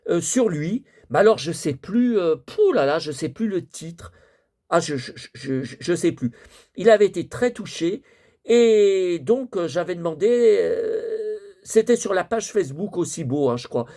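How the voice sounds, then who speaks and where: High-voiced, hesitant French man in his fifties. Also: animated, measured pace, warm tone. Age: 50s. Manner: hesitant, many fillers and restarts, emotional. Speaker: collector vlogger and blogger. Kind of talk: rambling nostalgic monologue.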